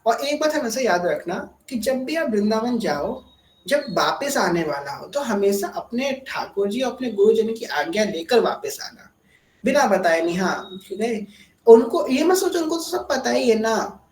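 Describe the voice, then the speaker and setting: A woman's voice: fairly high pitch, unhurried. Woman telling a devotional story, echoey room. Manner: animated, acts out quoted dialogue.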